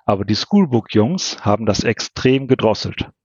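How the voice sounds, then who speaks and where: Ein Mann, der einen tatendurstigen Teenager-Jungen voller Pläne liest. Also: male voice, on the low side, expressive, moderate pace, darkish tone, slightly rough, dry recording, dull audio. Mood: eager. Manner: eager. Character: eager teenage boy, full of plans.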